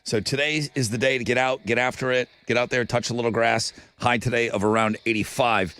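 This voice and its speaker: A man's voice: medium pitch, fairly even intonation, brisk, a bit bright. A man hosting a morning radio show in casual, slangy style, chatting and running contest call-ins.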